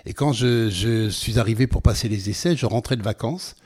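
A man, a voice actor, telling anecdotes in a relaxed interview, with frequent hesitations and fillers. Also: lowish voice, normal speed, slightly rough. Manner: storytelling, hesitant with many fillers. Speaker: voice actor guest.

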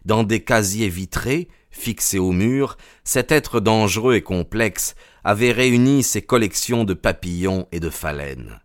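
A man narrating an audiobook in a measured, dramatic storytelling manner. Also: fairly low pitch, lively intonation, no room sound, studio quality.

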